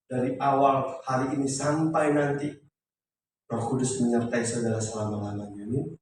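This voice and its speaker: A man preaching a lively sermon as a pastor, swinging between soft asides and loud declarations. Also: medium pitch, moderate pace, distant mic, slight background noise. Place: church sanctuary. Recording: echoey hall recording from afar.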